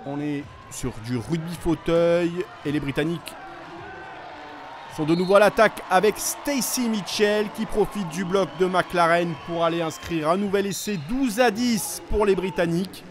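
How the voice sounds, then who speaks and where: High-pitched man giving excited sports commentary. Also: moderate pace, a crowd in the background, noisy background. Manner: narrates play as it happens, urgent on attacks.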